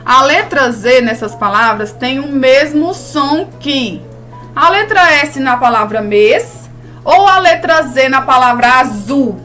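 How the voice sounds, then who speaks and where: A Brazilian woman teaching an online class to young schoolchildren, patient and warm with tag questions and diminutives. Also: sits high, animated, slow, faint music behind. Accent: Brazilian Portuguese.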